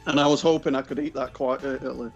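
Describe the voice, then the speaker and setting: A man's voice: medium pitch, steady tone, brisk, vocal fry, highs cut off, soft background music. A British man co-hosting a podcast, talking hesitantly with many ums and a self-deprecating humor, chewing snacks as he speaks. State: eating snacks while talking. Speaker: podcast co-host. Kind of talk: casual chat.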